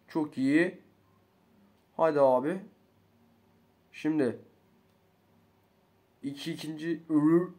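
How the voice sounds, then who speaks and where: A young man, commentating his own gameplay casually, slangy and excitable, swinging between low muttering and loud outbursts. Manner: slangy, swears often. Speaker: gaming YouTuber.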